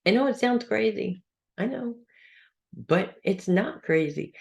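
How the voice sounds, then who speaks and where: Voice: medium pitch, animated, a little slow, vocal fry. Chatty astrologer reading weekly horoscopes. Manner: chatty, checks in with listeners, dry sarcastic asides. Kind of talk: casual spoken horoscope reading.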